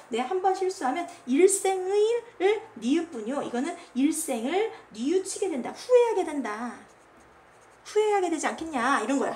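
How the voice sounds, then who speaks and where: A woman's voice: high voice, a little hiss or hum. A woman teacher explaining a classical poem in a chatty lecture. She keeps checking that her listeners follow and acts out the poem's commands in a scolding voice. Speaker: Korean literature teacher.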